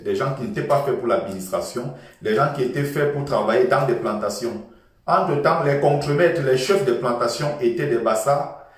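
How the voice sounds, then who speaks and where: A man delivers a fervent political monologue, hammering points home through repetition. His voice sits at a middle pitch and sounds distant from the microphone. Heavy room echo surrounds every phrase. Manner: passionate, repetitive, lecturing. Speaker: political commentator. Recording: echoey room from far off.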